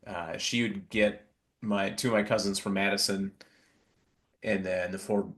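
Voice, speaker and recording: A man and father, a podcast guest telling relaxed stories in casual chat. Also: lowish voice, a little slow. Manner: relaxed storytelling, many ums.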